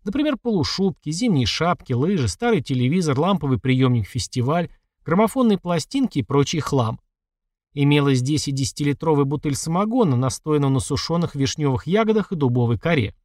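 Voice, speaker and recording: A man narrating a horror audiobook with expressive, lively delivery. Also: fairly high pitch, brisk, no room sound, studio quality.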